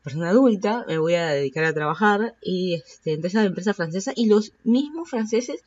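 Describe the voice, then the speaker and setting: A Peruvian woman in her thirties hosts a casual solo podcast, rambling with lots of fillers and self-corrections in a Peruvian Spanish accent. Her mid-range voice is expressive, brisk and a little mellow. The recording is dry, with the highs cut off.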